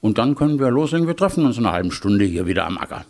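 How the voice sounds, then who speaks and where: A man's voice: medium pitch, very animated, racing, a little mellow. A man voicing a polite, cunning male hedgehog in a children's fairy tale, with a chirpy, sly manner. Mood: scheming.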